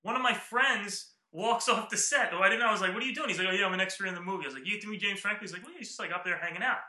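A man co-hosting a podcast, telling a story in animated casual chat and acting out what people said. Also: high-pitched, racing. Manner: animated, acts out quoted lines. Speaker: podcast co-host. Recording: roomy echo.

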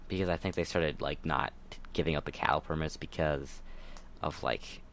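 A man's voice: a bass voice, steady tone, moderate pace, a bit bright, a little hiss or hum. A young man co-hosting a casual podcast, retelling a news story in a rambling, hesitant way. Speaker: podcast co-host.

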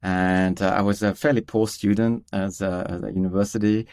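A man from East Africa, appearing as a guest scientist on a podcast, rambles through his career story with lots of fillers and self-deprecating humor. His voice is lowish and darkish, with little pitch movement and a normal speed. The sound is clean, studio quality, with no room sound.

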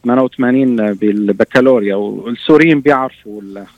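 A man's voice: mid-range voice, quick pace, no room sound, lo-fi sound. A man in his fifties from Syria with a Levantine Arabic accent, answering interview questions conversationally and often searching for his words. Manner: hesitant, searching for words with trailing repeats. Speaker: interview guest, doctor.

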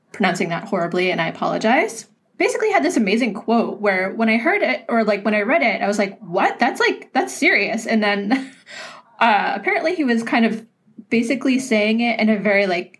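A woman's voice: on the high side, slightly rough. A woman co-hosting a podcast, chatting casually over drinks, laughing often and swearing freely. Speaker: podcast co-host.

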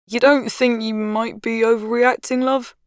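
A woman narrator voicing a calm, patient husband, speaking easily and affectionately. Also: on the high side, a little slow, no room sound, studio quality, pitched above the performer's own voice, natural voice. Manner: easy, soothing, affectionate.

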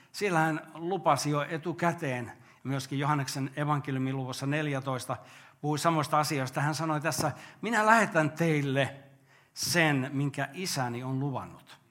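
An older pastor delivers a sermon in an earnest, steady voice. He asks his listeners rhetorical questions and then answers them himself. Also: fairly high pitch.

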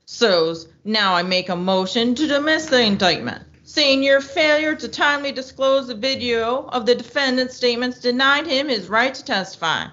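A feisty country defense lawyer argues her case with indignation, voiced by a woman. Her voice sits a little high and rings bright and forceful. The recording is dull and lo-fi. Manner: indignant, rapid legal arguing, country talk. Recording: muffled lo-fi audio.

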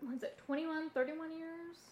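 A woman's voice: extremely high pitch, steady tone, normal speed, darkish tone, highs cut off. A woman co-hosting a casual chat about hauntings, telling stories informally and thinking aloud with some hesitation. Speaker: podcast co-host.

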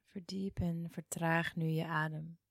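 A woman leads a guided relaxation in a hushed, soothing near-whisper. She speaks very slowly and leaves long pauses between instructions. Her voice sits a little low with some gravelly creak, soft throughout. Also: flat delivery, no room sound, studio quality. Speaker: yoga and meditation guide.

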